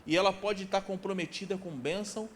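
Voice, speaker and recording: A man in his forties preaching a sermon as pastor in a church, emphatic, repeating key phrases and dropping to a soft pleading tone. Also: high voice, fairly quick, a little hiss or hum. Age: 40s. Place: church sanctuary.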